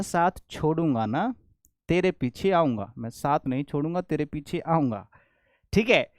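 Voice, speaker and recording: High-voiced Indian man teaching grammar. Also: no room sound, studio quality. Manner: explains step by step, repeats questions back to the class. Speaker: English teacher. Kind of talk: classroom grammar lesson.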